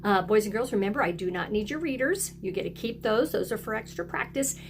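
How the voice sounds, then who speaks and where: An early-grade teacher, a woman, talks to young children in a video lesson, encouraging them and asking them to repeat after her and join in. Her voice is medium-pitched, expressive, and brisk, with background noise audible.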